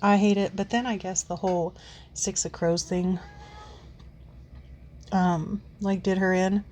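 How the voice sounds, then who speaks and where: A woman's voice: medium pitch, fairly even intonation, a little slow, a little mellow, a little hiss or hum. Rambling, profane woman in her forties. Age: 40s. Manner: rambling, profane, frequent sighs and fillers. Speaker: book vlogger. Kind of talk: casual rant.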